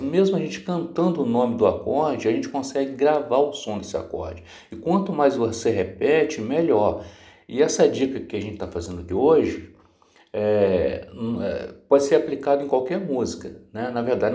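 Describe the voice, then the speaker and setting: A man's voice: medium pitch, expressive, moderate pace, dark tone. A man teaching guitar by ear in a casual lesson, patient, with frequent filler words and off-key singing of chord names. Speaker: music teacher. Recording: roomy sound with guitar playing.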